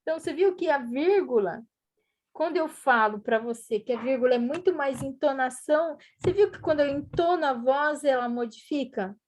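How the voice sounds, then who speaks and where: A woman's voice: sits high, moderate pace, a little mellow. A woman tutoring one student over a video call, patiently explaining and reading example sentences aloud with varied intonation. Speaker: writing tutor. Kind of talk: online one-on-one lesson.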